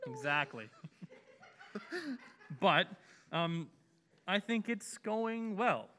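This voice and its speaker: Awkward, soft-hearted young roommate: bright high voice, hesitant, natural drama reading, long reverb. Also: male voice, animated, drawn-out words, full character voice. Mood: tentative, fond. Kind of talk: naturalistic live play reading.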